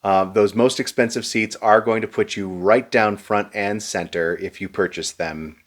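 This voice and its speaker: A man reviewing a show to camera, explaining prices and seating in a steady, advice-giving way with a touch of dry sarcasm. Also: on the low side, normal speed.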